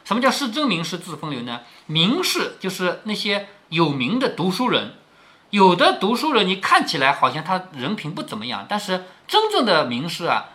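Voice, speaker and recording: Middle-aged dad reading a classic novel to his kid and explaining it, bright voice, very bouncy pitch, keeps asking "right?". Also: huge pitch swings, moderate pace. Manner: chatty, often checks in with tag questions. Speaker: father reading aloud to his daughter. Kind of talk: storytelling with explanations.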